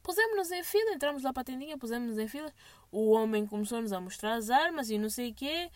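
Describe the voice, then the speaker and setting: Animated high-voiced young woman. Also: fast talker, dry recording. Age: young adult. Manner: animated, mixes English phrases into Portuguese. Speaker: vlogger. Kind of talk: casual storytime monologue.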